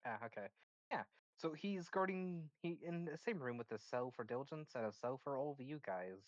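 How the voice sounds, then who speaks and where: Halting game master on a dull line. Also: male voice, medium pitch, lively intonation, no room sound. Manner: halting, restarts sentences while recapping. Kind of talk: running an online tabletop game.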